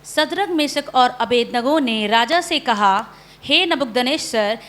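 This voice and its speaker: A woman reading scripture aloud in a steady, measured way during a church service. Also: high-pitched. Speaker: scripture reader.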